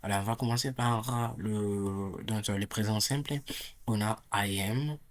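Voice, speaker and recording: Low-voiced man teaching English grammar. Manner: repeats drill phrases slowly and louder; many fillers and restarts. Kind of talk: recorded grammar lesson.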